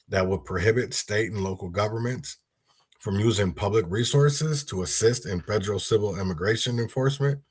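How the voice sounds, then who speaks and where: Low husky-voiced political livestream host. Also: male voice. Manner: reads news reports aloud and adds opinion.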